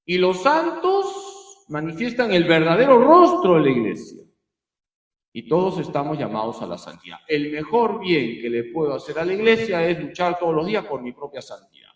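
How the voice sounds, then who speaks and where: A man's voice: on the high side, roomy sound. A man, a priest, teaching a catechism class, emphatic and given to repeating key phrases. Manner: storytelling with acted quotes.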